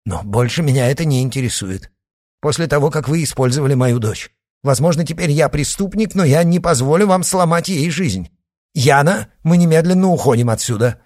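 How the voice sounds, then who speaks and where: A frantic middle-aged father pleads and scolds in a lively, up-and-down voice, as a man acts him out. His tone is raspy at the edges and strained with worry. It is an audiobook figure with a short temper. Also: mid-range voice, moderate pace. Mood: worried. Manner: agitated, pleading, bursts into shouting.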